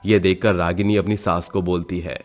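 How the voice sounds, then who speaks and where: A man narrating a storybook cartoon in a steady, scripted way. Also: low voice, normal speed.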